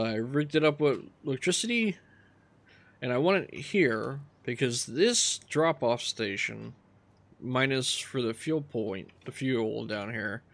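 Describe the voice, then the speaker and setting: A man casually talking through his gameplay, relaxed and rambling as he thinks aloud. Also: medium pitch, creaky. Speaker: gaming channel host.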